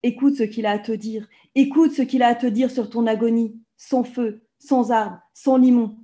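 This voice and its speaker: A woman's voice: fairly high pitch, fairly even intonation, moderate pace, mellow. A woman in her thirties reading her own poetry aloud over a video call from home, with an intense, rhythmic, incantatory delivery. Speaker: author reading her work. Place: home room with bookshelves. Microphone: video call laptop mic.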